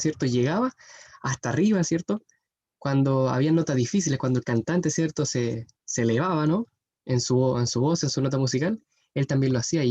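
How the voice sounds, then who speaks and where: A man's voice: mid-range voice, dark tone, breathy edge. A young man preaching an earnest youth sermon, often checking in with his listeners. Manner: earnest, often adds "¿cierto?". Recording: dull muffled sound.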